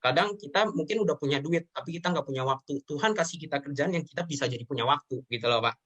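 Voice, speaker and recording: A man's voice: a little high, fast, a bit bright, muffled recording. A young man, a show guest, talking earnestly about his life and work, sometimes near tears. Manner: earnest, often addresses listener as sir. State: tearful at times. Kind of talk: emotional personal talk.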